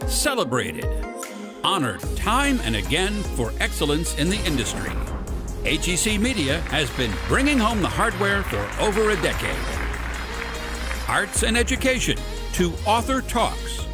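A man reading a promo voice-over with punchy, emphatic delivery. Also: on the high side. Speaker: promo announcer.

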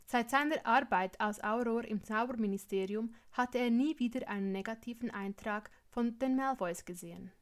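A woman reading fan fiction aloud in steady, plain storytelling. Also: fairly high pitch, moderate pace, hardly any pauses. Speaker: reader.

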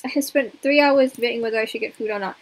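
A woman's voice: a little high, fast, low-quality recording. A young woman streaming a game, chatting casually and rambling in a self-mocking way to her viewers. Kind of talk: casual live-stream chat while gaming.

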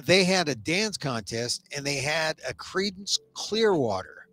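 An American man in his sixties hosts a casual, opinionated online talk show from a small indoor room, using a headset mic. His fairly high voice is very animated, unhurried and a bit bright, and he rambles and restarts his thoughts over soft background music.

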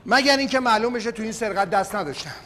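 An actor playing a bossy company owner in a TV series, who argues and shouts angrily. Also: male voice, high-pitched, lively intonation, in a large hall, a little hiss or hum. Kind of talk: TV series acting.

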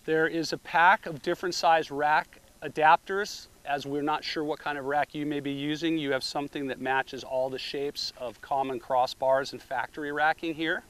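A man's voice: fairly high pitch, fairly even intonation, moderate pace, few pauses, a bit bright. Middle-aged man demoing gear outdoors. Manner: plain step-by-step instructions. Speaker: product demonstrator. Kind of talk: product demonstration. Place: outdoors at a beach beside a car.

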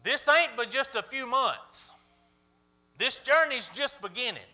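A man preaching in a very high, sharp, bright voice. He keeps checking in with the congregation and hammers home each point with emphasis. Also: lively intonation, measured pace, faint music behind. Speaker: pastor. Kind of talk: sermon.

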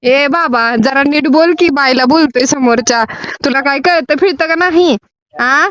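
A woman's voice: high voice, moderate pace, a bit bright, highs cut off, slight background noise. A woman with a Marathwada Marathi accent making a prank call, bantering casually with cheeky, scolding retorts. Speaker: prank caller, vlogger.

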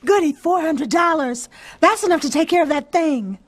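High, sweet cartoon wife. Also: female voice, animated, normal speed. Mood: hopeful. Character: sweet, gentle middle-aged wife. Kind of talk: animated sitcom acting.

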